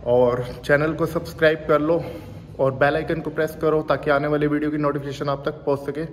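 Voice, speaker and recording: Filming on an arm's-length phone, a young fitness vlogger casually tours the big indoor gym he owns, calling viewers "brother." He talks fairly quickly in a level, higher-pitched voice, with reverberant hall sound and faint background noise.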